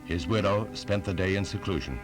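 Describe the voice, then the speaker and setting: A man's voice: sits low, a little fast, over loud music. A man narrating a 1960s newsreel with a solemn, stately delivery.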